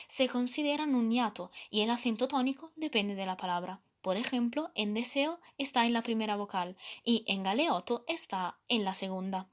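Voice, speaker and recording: A woman with a somewhat high voice presents a scripted grammar lesson. She reads in a measured, even way and slows down deliberately to spell out each example word. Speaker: student presenter.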